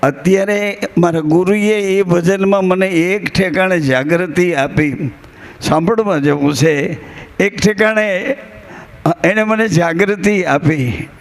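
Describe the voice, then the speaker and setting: A man's voice: sits high, takes it slowly. A man with a rural Gujarati accent giving a devotional discourse to a live gathering, telling stories in a folksy way and quoting verses and dialogue. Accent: Gujarati, rural Saurashtra. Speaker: bhajan singer and spiritual speaker.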